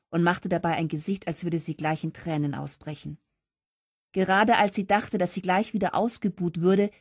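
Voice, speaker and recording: A woman narrating an audiobook in a lively, expressive storytelling manner. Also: fairly low pitch, dry recording, clean studio sound. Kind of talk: scripted narration.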